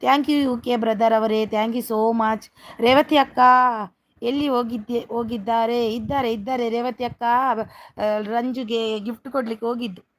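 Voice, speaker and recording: Woman live-stream host on a phone, slightly higher voice, chatty, names viewers and asks for likes. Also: fairly even intonation, unhurried, a little hiss or hum. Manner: reads out viewer comments, greets each viewer by name, keeps asking for likes. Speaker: livestream host. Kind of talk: casual live-stream chat.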